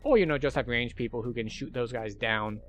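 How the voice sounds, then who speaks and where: A man's voice: mid-range voice, brisk, highs cut off. A man giving casual commentary while he plays a video game. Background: game music.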